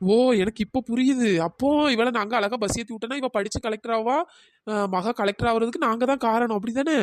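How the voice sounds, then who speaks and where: A woman's voice: on the high side, fairly even intonation, brisk, dry recording, studio quality, lightly acted. A woman voicing a nosy, gossiping older village woman in a cartoon, prying and scolding.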